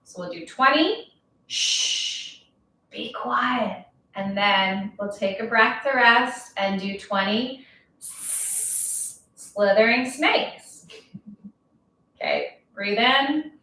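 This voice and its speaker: A woman instructor leading a yoga class, talking calmly and slowly with a gently playful touch. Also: fairly high pitch. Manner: calm, slow, gently playful. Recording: very echoey room, voice from far off.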